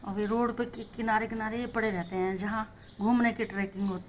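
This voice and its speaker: A woman's voice: mid-range voice, flat delivery, a little fast, slight background noise. A woman hosting a home gardening channel, chatting in a homely show-and-tell way and often checking in with the viewer. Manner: chatty, homely, keeps asking "है ना". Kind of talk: casual show-and-tell demonstration.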